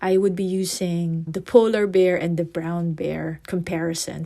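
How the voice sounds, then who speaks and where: With a lowish, creaky and slightly mellow voice, a middle-aged Filipino-accented woman from the Philippines hosts a casual podcast. A psychotherapist, she explains ideas in a friendly, teaching tone.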